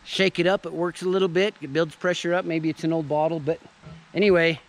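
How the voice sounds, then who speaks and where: A man in his thirties casually demonstrating camping gear outdoors, chatting to viewers in a relaxed way. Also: a little high, brisk. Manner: relaxed, chatty, addresses viewers as "you guys". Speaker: vlogger showing camping gear. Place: forest clearing outdoors. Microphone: camera on a tripod and handheld selfie camera.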